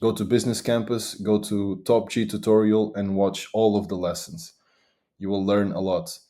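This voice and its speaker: Young man from Portugal, eager interview guest, low dark voice, quick restarts. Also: flat delivery. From Portugal, Madeira. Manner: eager, talks fast with restarts. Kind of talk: interview answers.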